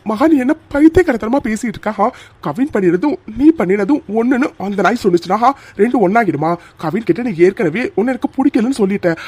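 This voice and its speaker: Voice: medium pitch, warm tone, husky. A performer voicing a young man in a cartoon, the caring best friend, pleading and comforting in an insistent way. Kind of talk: cartoon voice acting.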